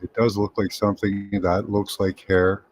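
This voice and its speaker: A man giving unhurried, tentative commentary over images, thinking aloud with pauses and hums. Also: on the low side, level tone. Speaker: remote viewing presenter.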